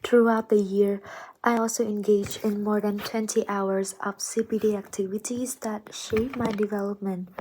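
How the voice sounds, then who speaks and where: Young woman from Vietnam, student narrator, soft near-whispered read, even and mellow, faint music under the voice-over. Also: medium pitch, normal speed, a little hiss or hum. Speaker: postgraduate student. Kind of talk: scripted reflective narration.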